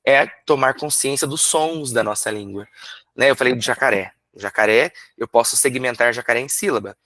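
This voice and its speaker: A man's voice: mid-range voice, sharp tone, no echo. Man teaching, dry close sound. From Brazil. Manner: explanatory, rhetorical questions, drawn-out syllable demonstrations. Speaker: literacy teacher and lecturer. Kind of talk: recorded workshop lecture.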